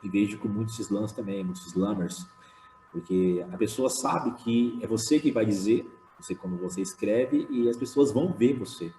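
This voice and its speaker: Man, slam poet on a panel, low mellow voice, chatty with fillers, echoey room with faint music. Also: moderate pace. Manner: casual, many fillers, animated when retelling. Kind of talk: online panel talk. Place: home room.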